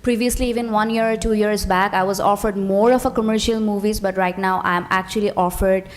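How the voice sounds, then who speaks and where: A woman's voice: medium pitch, fairly even intonation, brisk. A woman from Bangladesh, an actor speaking fluently and with emphasis on a festival panel. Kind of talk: panel discussion.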